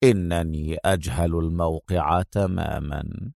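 A man voicing a cold, menacing villain in an audiobook, speaking slowly and quietly. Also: sits low, expressive, no echo, clean studio sound, pitched below the performer's own voice. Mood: menacing calm. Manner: slow, quiet, deliberate. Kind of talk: audiobook character voice.

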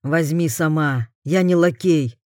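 Woman doing a weepy, whining ruined husband, pitched down, slow and dry. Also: dark tone, no room sound. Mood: tearful bitter. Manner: whining, then shrill outbursts. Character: petty ruined husband, weak, tearful, self-pitying man.

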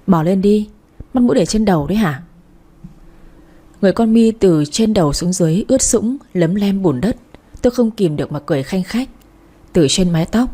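A woman reads a first-person story aloud. Her tone is dark and mellow, and she tells it in a sardonic, matter-of-fact way at a middling pitch. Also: breathy edge. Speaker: audiobook narrator.

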